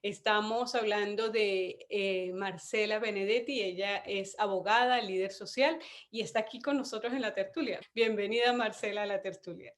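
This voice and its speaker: A woman's voice: medium pitch, steady tone, moderate pace. A woman hosting an interview show, greeting listeners and asking questions, sometimes slipping and correcting herself. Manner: friendly, slips and corrects herself. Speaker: host.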